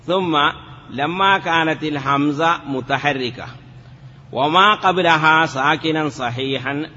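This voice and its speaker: Brief: male teacher, bright, steady voice, patient step-by-step explaining, dull lo-fi recording in a reverberant hall. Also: on the high side. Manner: explains step by step, asks the class questions, draws out words slowly. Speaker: teacher of Arabic morphology. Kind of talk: classroom lesson. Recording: lo-fi, hall reverb, faint noise.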